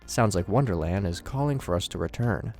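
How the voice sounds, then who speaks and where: Background music accompanies a man hosting a scripted horror commentary, theatrical in style and sprinkled with wry asides. His deep voice is expressive, fairly quick, and a little mellow.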